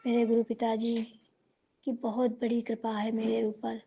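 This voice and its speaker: Woman sharing devotional testimony, slow n reverent, chants mantras, muffled lo-fi sound. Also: on the high side, completely flat delivery, gravelly, warm tone, slightly rough.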